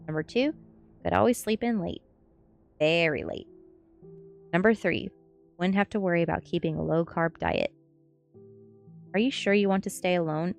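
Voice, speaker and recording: A woman with a darkish, creaky voice on the low side narrates a novel as cozy ASMR storytelling for her stream. She drops in friendly, casual asides to listeners and trips over a word here and there, all with music in the background.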